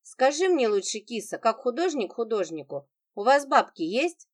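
Sneering venomous wife in an audiobook, lively and mocking; the woman narrator puts her on. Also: on the high side, moderate pace. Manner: sarcastic, sneering, biting.

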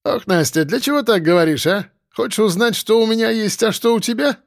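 A man's voice: sits high, a little fast, vocal fry, no echo, clean studio sound, voice pushed up. A male narrator voicing a stocky, cheerful young man who speaks with a strong accent and teases playfully. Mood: teasing. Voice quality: strong juicy accent, teasing. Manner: playful, exclaiming. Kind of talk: audiobook character voice.

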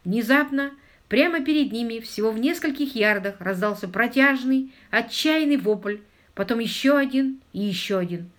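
A woman reading a mystery novel aloud, with expressive narration. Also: fairly high pitch, moderate pace. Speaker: audiobook narrator. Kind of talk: audiobook reading.

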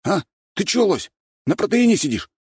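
A man's voice: sits high, big pitch swings, normal speed, a little mellow, breathy edge, dry recording, clean studio sound, pitched above the performer's own voice, full character voice. A man voicing a cute young guy putting on slangy, mock-threatening street-tough talk.

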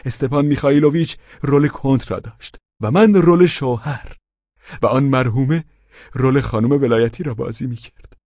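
A man's voice: mid-range voice, darkish tone, dry recording, lo-fi sound, pitched above the performer's own voice, natural voice. A man voicing a fawning, overwrought middle-aged widower in an audiobook, pleading in a raised, emotional voice. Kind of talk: audiobook character reading.

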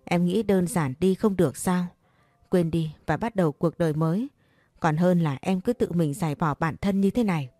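A woman's voice: on the low side, normal speed, warm tone, no room sound, natural voice. Woman reading a tender, scolding young man. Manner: scolding yet tender, coaxing. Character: caring, pushy young man comforting a friend. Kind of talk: audiobook character reading.

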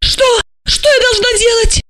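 A woman voicing a frightened, emotional young wife with a high, tearful voice. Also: big pitch swings, moderate pace. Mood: sobbing. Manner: shrill, tearful pleading.

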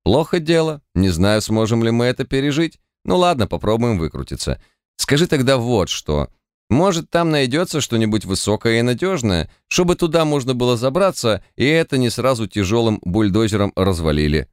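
A man's voice: mid-range voice, very animated, normal speed, smooth, no room sound, studio quality, voice pushed up, close to an everyday voice. A man voicing a laid-back, teasing male squad leader in an audiobook. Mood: wry. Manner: offhand, teasing.

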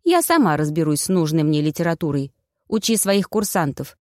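A woman's voice: sits low, very animated, fairly quick, a little mellow, dry recording, clean studio sound. A woman playing a playful young heroine. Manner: exclaiming, playful, complaining.

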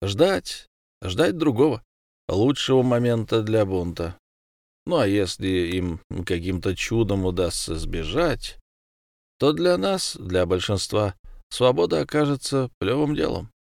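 Man doing an audiobook prison boss, cold, commanding, low voice, dry close sound. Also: very animated, a little slow, vocal fry, a little mellow, dry recording, heavily acted. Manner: terse, commanding, distrustful. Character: cold calculating male prison gang boss.

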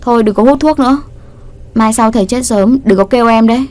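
A feisty teenage schoolgirl from a storybook, quick to flare up and talk back, played by a woman reading aloud. Her voice sits higher and sharper than the narration around it. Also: close to an everyday voice. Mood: huffy. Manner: indignant and sharp-tongued.

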